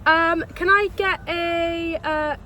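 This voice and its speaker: A woman's voice: extremely high pitch, steady tone, slow pace, pushed and bright, a little hiss or hum. A young woman ordering food at a drive-through from her car, polite and hesitant, with lots of ums and uhs. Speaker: vlogger.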